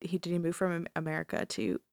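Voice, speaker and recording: Lively low-voiced woman reacting. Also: fast, no echo, clean studio sound. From Canada. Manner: reactive, laughing, swears, gets creeped out. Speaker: podcast host. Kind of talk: casual podcast chat.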